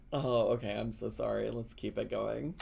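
An animated man streams comedic reactions, with his pitch swinging widely. He talks slowly and casually, with a mocking, incredulous edge. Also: vocal fry, slight background noise. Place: small indoor room, streaming on camera.

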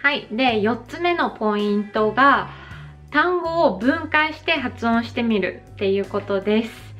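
A Japanese woman in her thirties giving a slow, careful pronunciation lesson, exaggerating her mouth shapes when she demonstrates sounds. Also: on the high side, animated, a bit bright, faint music behind. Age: 30s. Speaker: English pronunciation teacher. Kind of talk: slow explanatory vlog lesson.

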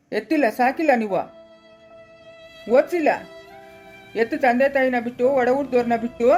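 A woman with a rural Karnataka accent, playing a harsh in-law who scolds loudly in a family drama skit. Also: a little high, close to an everyday voice. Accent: rural Karnataka Kannada. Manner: scolding, loud and cutting.

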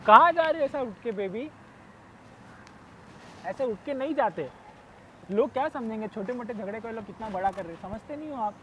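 High-voiced young man, pushy mock romance. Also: lively intonation, brisk, pauses often, music in the background. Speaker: prankster. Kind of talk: hidden-camera prank banter. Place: outdoors in the rain. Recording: noisy outdoor street recording.

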